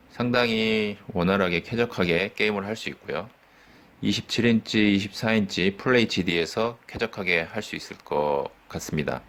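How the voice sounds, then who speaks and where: A man who runs a computer shop, casually walking through a PC case build with plain, informal talk and fillers. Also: sits low. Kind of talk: casual hands-on product walkthrough.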